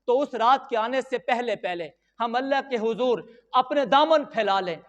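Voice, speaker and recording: High-pitched fervent male preacher, echoing hall. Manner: fervent, rhythmic repetition of parallel phrases. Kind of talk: impassioned sermon storytelling. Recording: long hall reverb, dull lo-fi sound.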